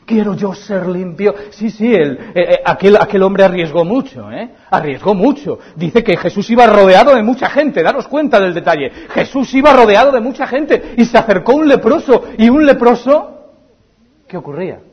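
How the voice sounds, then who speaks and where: A high-pitched, husky male preacher with a Spain Spanish accent delivers an impassioned sermon. He swings between ringing emphasis and hushed, intimate near-whispers. The recording sounds dull and lo-fi. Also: animated, moderate pace.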